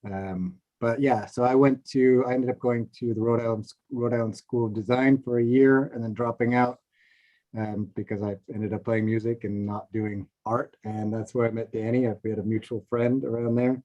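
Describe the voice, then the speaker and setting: A middle-aged man from Seattle, a film composer, telling his story in a relaxed, rambling way over a video call. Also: mid-range voice, normal speed. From Seattle, USA. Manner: relaxed, rambling with many fillers. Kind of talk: casual video-call chat. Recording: dull lo-fi call audio.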